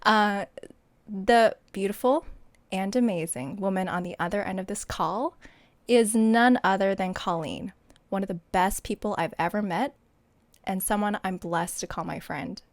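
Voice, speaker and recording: A woman's voice: medium pitch, measured pace, dry recording. Giggly young woman co-hosting a podcast. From Hawaii. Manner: giggly and playful, bursts into loud whoops. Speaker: podcast co-host. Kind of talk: casual chat. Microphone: video call.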